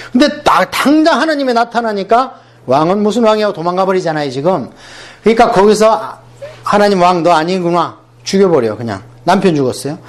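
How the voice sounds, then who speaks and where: A male pastor giving a Bible seminar lecture, teaching emphatically and asking the class rhetorical questions. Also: high-pitched.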